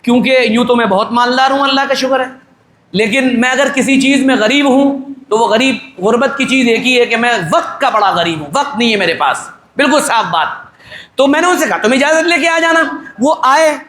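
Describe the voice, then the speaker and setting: A middle-aged male cleric preaching at a wedding in a very high, bright voice. He talks with forceful energy and jokes with the crowd. He throws in rhetorical questions and acts out little dialogues. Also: echoey room. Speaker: Islamic cleric officiating a wedding. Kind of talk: wedding sermon, conversational.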